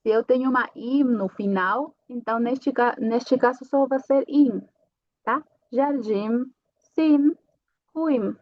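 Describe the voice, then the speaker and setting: Slow, patient woman teaching pronunciation. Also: fairly high pitch, fairly even intonation, no echo, muffled recording. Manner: checks in with "tá?" after each point, repeats sounds slowly. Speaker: language teacher. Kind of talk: slow explanatory lesson.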